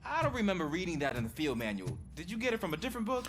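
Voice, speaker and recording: Young rookie cop in a game, earnest, quick and lively, bit of noise behind. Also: male voice, sits high. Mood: keen. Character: eager, self-doubting young rookie policeman. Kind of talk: video game dialogue.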